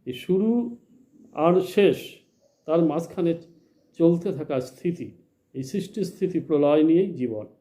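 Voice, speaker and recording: A man teaching a spiritual lesson in a measured, explanatory way, asking questions and then answering them himself. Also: fairly high pitch, animated, warm tone. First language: Bengali. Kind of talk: slow spoken religious lecture.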